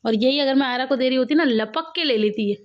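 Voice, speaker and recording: Chatty mother vlogging at home, high voice. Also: fairly quick, lo-fi sound. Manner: chatty, laughs often, coaxing with her children. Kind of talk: casual home vlog chat. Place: at home with children around.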